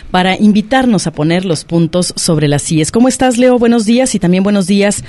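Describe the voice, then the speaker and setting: High-voiced radio host man. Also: brisk, a little mellow, dry recording. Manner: chatty, frequent short agreeing interjections. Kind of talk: casual radio chat.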